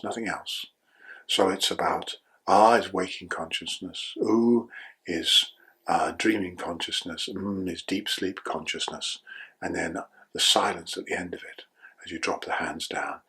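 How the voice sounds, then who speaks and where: An older man teaching breathwork, calmly guiding a breathing practice step by step and often checking in with "yeah?". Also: low voice, husky. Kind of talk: guided breathing instruction.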